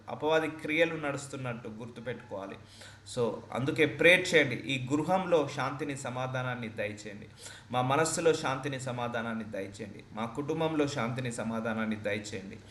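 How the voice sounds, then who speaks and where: A man's voice: medium pitch, a bit bright, echoey room. A man preaching a sermon as a pastor, earnest and repetitive for emphasis.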